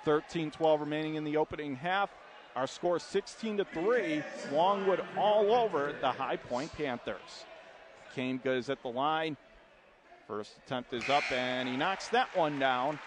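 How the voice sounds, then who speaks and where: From courtside in an indoor college basketball arena, a man delivers live radio play-by-play at a measured pace, his voice on the high side. Clipped running phrases carry the action, big plays get extra punch, and the noisy broadcast picks up crowd and gym noise plus a bouncing basketball.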